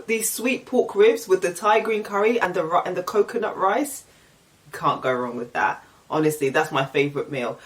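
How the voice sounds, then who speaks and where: A young English woman from England, a vlogger, chats casually and candidly as she reads out get-to-know-me questions and answers them. Her voice is fairly low in pitch, and she sits far from the mic.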